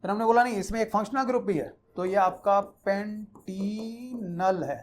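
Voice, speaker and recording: A man's voice: high-pitched, moderate pace. A man teaching chemistry, explaining naming rules in a conversational way and repeating the key points for students. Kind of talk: explaining IUPAC naming in a Hindi-English mix.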